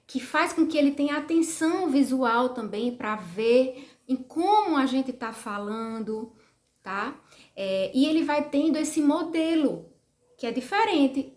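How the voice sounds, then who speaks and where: A speech therapist explains things to parents in a teaching manner, often checking in with "tá?" and slowing down to stress words. Her pitch is fairly high, and the room sounds echoey.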